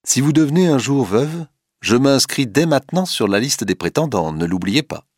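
A man voicing an ambitious young man who stammers when cornered and flatters women, in a storybook reading. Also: medium pitch, normal speed, slightly rough, no echo, clean studio sound, voice pushed up. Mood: pleading, flattering.

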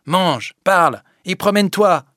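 A man's voice: sits high, animated, a little slow, no echo, clean studio sound, voice pushed up. A man reading an audiobook, voicing a stern, commanding young village girl who scolds firmly. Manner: firm, scolding, then gentle. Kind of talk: audiobook character voice.

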